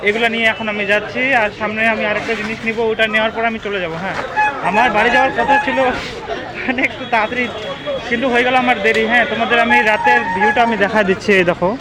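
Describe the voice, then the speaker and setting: Young man, Bengali accent, casual daily vlog, high voice, rapid chatty delivery, phone-recorded outdoor market with traffic noise. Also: steady tone, over a noisy crowd, low-quality recording. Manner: chatty, addresses viewers as friends, keeps asking "okay?". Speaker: vlogger. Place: outdoor market and street at night. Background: street and vehicle noise.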